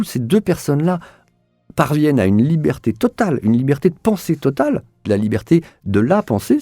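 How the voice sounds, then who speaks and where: In a recording with no room sound, a man with a warm, fairly high voice responds to interview questions as an audio drama director. His answers come unscripted, earnest and exploratory, and he tends to repeat words as he gropes for what comes next.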